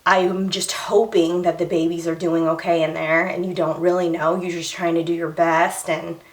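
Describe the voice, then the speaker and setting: Young woman, twang, kinda out of breath, chatty vlog, lowish voice, roomy echo. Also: level tone, normal speed. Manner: candid and chatty, with many fillers and restarts. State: short of breath. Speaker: vlogger. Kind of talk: casual personal vlog. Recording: echoey room, voice a bit far from the mic.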